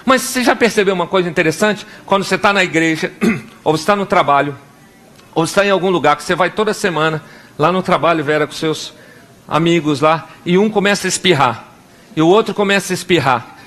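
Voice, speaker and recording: A young pastor from Brazil, with a high voice and a Brazilian Portuguese accent, brings animation to his sermon, dramatizing short scenes and prayers in assorted voices.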